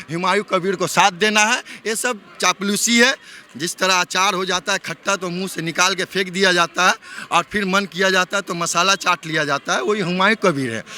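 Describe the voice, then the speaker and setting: A man's voice: high voice, sharp tone. A man from West Bengal, India answering a street interview. He talks heatedly and fires off rhetorical questions.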